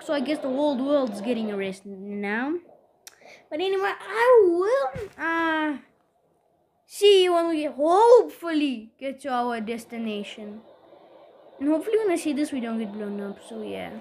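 The host of her own channel, a woman with a high-pitched voice, rambles through casual gameplay commentary. She sounds exasperated and keeps speaking straight to her viewers, with a faint hiss beneath her voice.

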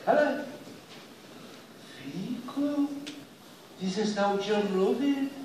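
A little girl from a children's story scolds with high, emphatic bossiness, as a male reader pushes his voice up. The sound is echoey and distant. A noisy hum sits behind her. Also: very animated. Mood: scolding.

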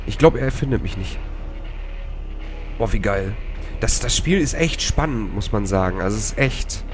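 A let's play gamer with a lowish voice, lively intonation and normal speed commentates his own horror game run over loud music. He swears a lot, swinging from nervous muttering and whispered hisses to panicky outbursts.

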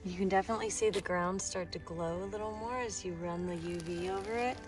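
A rock-hunting vlogger, American and in her thirties, speaks briskly at a medium pitch on a pebbly beach. Her casual outdoor vlog has an easygoing, colloquial feel, with faint music in the background.

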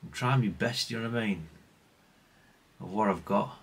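A fairly low, husky male voice at a moderate pace belongs to a middle-aged Brit presenting hobbyist radio repair. He works through a hands-on demonstration casually and without a script, rambling, self-deprecating, and a bit sweary.

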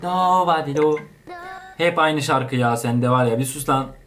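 A young man giving casual, slangy gameplay commentary, excitable and chatting to the characters on screen. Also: on the high side, a little slow, soft background music. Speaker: gaming YouTuber.

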